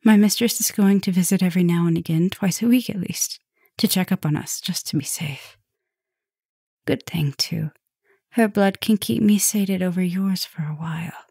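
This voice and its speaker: In this ASMR roleplay, a woman plays a tender yet quietly commanding vampire professor, murmuring close to the listener and sinking into breathy near-whispers. Her pitch is fairly low, captured in studio quality without any room sound.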